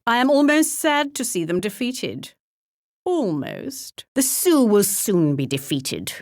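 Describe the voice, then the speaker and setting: Regal English queen, British accent, pompous, wry, formal game character, very lively pitch, dry studio sound. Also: takes it slowly, dry recording. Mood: stately, wry. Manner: pompous, formal, archly polite. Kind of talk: theatrical video game character voice lines.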